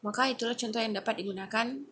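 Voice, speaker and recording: A woman's voice: on the high side, steady tone, fast talker, a bit bright, breathy edge. A woman student giving a class presentation, explaining steadily with frequent hesitations.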